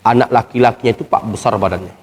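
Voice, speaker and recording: A complaining, grieving mother, as a male preacher puts her on sounds low and pleading. Her words drag with hurt. A long hall reverb trails behind every phrase. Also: very fast, a little mellow, a little hiss or hum, close to an everyday voice. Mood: plaintive. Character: aggrieved middle-aged mother complaining about her son.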